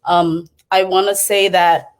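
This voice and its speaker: A middle-aged woman from Cambodia tells her story on a panel. Her voice sits on the low side. She speaks with passion, often pausing on fillers and restarting a thought before pushing it through. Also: little pitch movement.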